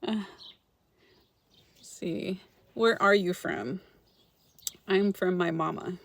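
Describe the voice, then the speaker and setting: The recording has no echo as a middle-aged Los Angeles woman with a lowish voice talks slowly during a casual livestream. Hosting her frugal-living channel, she reads comments from viewers, names them as she chats, and laughs a lot.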